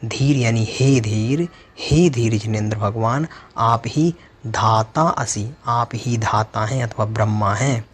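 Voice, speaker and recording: Guy doing a scripture lesson, chants lines slow then asks and answers his own questions, bit of faint hiss. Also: fairly low pitch. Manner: chants verses slowly, then explains with rhetorical questions. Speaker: Jain teacher. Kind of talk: scripture recitation and explanation.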